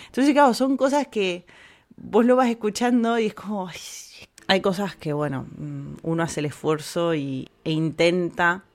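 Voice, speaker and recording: A woman from Argentina with an Argentine accent, chatting casually to camera in an animated, opinionated way full of fillers. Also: lowish voice, moderate pace. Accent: Argentine Spanish. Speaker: vlogger.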